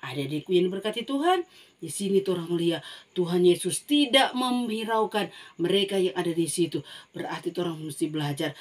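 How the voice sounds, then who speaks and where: A woman telling a Bible story to children in an animated way, often calling out to them as she goes. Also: fairly low pitch, a little fast. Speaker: Sunday school teacher.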